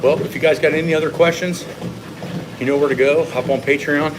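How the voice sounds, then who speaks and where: A man's voice: on the high side, steady tone, fairly quick. Man chatting on a treadmill, machine noise behind. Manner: talking while walking on a treadmill; explanatory, opinionated. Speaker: fitness coach hosting a live Q&A. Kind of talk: casual livestream chat answering viewers. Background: treadmill or machine hum.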